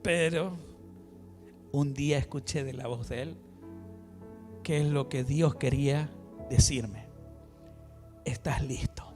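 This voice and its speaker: A man preaching a sermon as an apostle, swinging between loud exhortation and hushed asides. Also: medium pitch, slow, pauses often. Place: church hall. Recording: music and long reverb of a hall.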